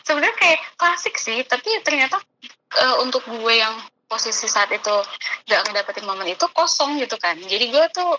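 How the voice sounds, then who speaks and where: A woman's voice: on the high side, animated, fairly quick. Chatty woman, muffled noisy recording. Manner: chatty, uses Jakarta slang. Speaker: guest telling her story. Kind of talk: casual chat. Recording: muffled with clear background noise.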